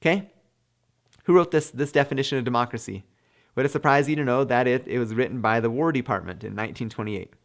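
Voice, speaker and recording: A man's voice: medium pitch, fast talker. A man giving an emphatic classroom-style lecture, often checking in with "okay?". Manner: emphatic, punctuates points with "okay?". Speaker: civics lecturer.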